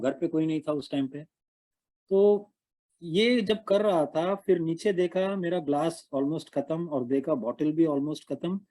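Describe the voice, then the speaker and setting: Man from India, earnest halting testimony over an online call, dark relaxed timbre. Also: a little high. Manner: halting, earnest, many fillers and restarts. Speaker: recovering alcoholic sharing at a meeting. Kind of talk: personal testimony at an online support meeting. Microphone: online call microphone.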